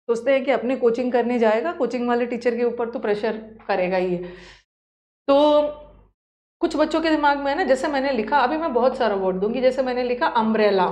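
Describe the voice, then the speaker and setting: A woman's voice: high voice, darkish tone. Teasing woman teacher in an echoey room. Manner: chatty, teasing, repeats letters aloud. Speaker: English grammar teacher. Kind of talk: online grammar lesson.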